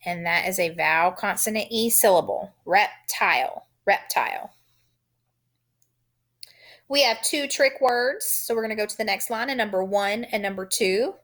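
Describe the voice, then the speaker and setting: A woman teaching a phonics lesson, sounding out letters and syllables in a deliberate, encouraging way. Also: medium pitch, fairly bright tone.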